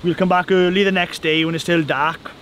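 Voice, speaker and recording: A little hiss or hum underlies this casual interview with a Welsh beekeeper in his thirties. His voice sits high and he talks briskly, relaxed and often repeating words. Locations are a farm kitchen and a woodland hive site.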